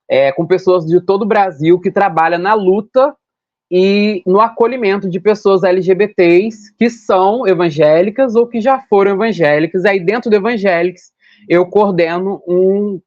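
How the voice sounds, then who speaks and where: Hosting a podcast, a young man from Rio de Janeiro state chats in a somewhat high voice, rambling, fixing his own words, and reeling off long lists. The audio is dull, dry, and lo-fi, with no echo.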